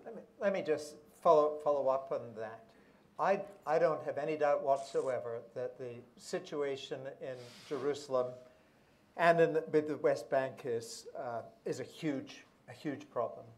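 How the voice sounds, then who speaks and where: A man born in Malaysia speaks as a pastor on a conference panel. His voice is mid-pitched, and he talks in a measured, reflective way, often restarting his phrases. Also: a little mellow. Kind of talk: panel discussion remarks.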